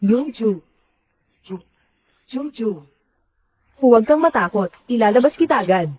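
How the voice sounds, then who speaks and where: A woman's voice: on the high side, animated, unhurried, dark tone, husky, no echo, rough recording. A woman voicing every character of a dubbed drama in one plain voice.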